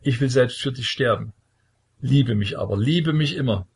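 A man voicing a frightened, pleading young tsarevich, reading him a little raised and earnest in a husky, creaky voice. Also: mid-range voice, moderate pace.

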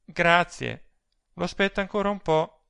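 Guy doing a proud tired lady, short cold answers, kinda high and gravelly, dry sound. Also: a little slow, sharp tone, no echo, heavily acted. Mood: weary. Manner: haughty, curt replies. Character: proud weary married woman, cool and aloof.

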